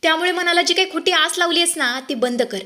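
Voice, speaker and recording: A woman voicing a sharp-tongued, jealous young woman who scolds and mocks in a serial recap. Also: extremely high pitch, fast talker, pitched above the performer's own voice. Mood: taunting. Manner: scolding, mocking.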